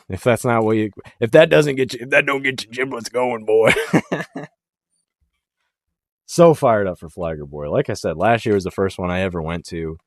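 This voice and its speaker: Man, deep voice, racing show host, excited casual talk, dry close sound. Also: no room sound. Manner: excited and emphatic, trails off quietly.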